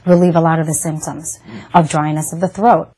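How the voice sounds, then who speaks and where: A woman physician explaining medical advice in a news interview, in a medium-pitched voice. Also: fairly even intonation, fairly quick, mellow, slightly rough.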